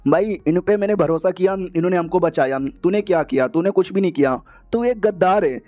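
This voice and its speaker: A man's voice: sits high, a little fast, dark tone, no room sound, natural voice. A man putting on a furious young woman. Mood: scolding. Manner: scolding, furious. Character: angry young woman breaking up with her lover.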